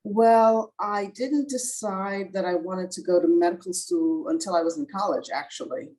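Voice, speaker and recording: A middle-aged woman doctor answering interview questions in a relaxed way, pausing often with "uh". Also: fairly low pitch, low-quality recording. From born in Guyana, grew up in Brooklyn. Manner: relaxed, frequent uh pauses. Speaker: physician guest.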